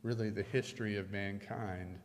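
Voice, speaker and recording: A middle-aged man preaching a sermon from a pulpit, measured and emphatic, leaning hard on key phrases. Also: fairly low pitch, steady tone. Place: church sanctuary at a pulpit. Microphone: pulpit microphones. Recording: long church reverb.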